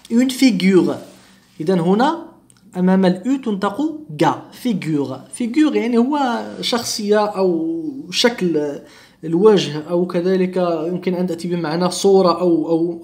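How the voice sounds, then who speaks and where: A man with a fairly high voice teaches a phonetics lesson. He speaks slowly and deliberately, repeating sounds and example words so learners can follow. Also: darkish tone. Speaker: French teacher.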